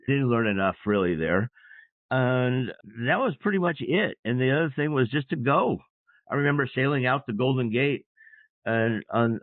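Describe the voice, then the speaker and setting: A man as an interview guest, a sailor and public speaker, telling his story in a reflective, measured way. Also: mid-range voice, no echo. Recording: dry, phone-like line.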